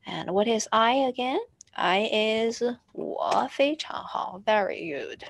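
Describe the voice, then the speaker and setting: A woman teaching a beginner Chinese lesson, patiently repeating each word slowly as she explains. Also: a little high, animated, gravelly, no room sound. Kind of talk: slow screen-share language lesson.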